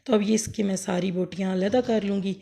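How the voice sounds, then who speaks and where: Woman, hoarse sore throat, gravelly, mellow tone, rambling homely recipe chat. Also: mid-range voice, steady tone, a little fast. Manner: homely, rambling, self-correcting explanations. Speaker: cooking vlogger. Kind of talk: casual cooking demonstration. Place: home kitchen, later outdoors under a fan.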